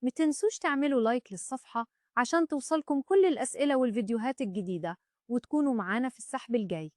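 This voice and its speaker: A woman's voice: fairly high pitch, expressive, rapid-fire, a little mellow, no room sound, studio quality. A woman with an Egyptian accent presenting a scripted promotional message for contest followers.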